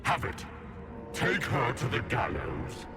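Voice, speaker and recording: An actor playing a taunting, resentful demon of envy in a video game, theatrical, sneering and commanding. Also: male voice, medium pitch, wildly swooping pitch, slow pace, loud music behind the voice. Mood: cold, sneering. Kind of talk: video game villain acting.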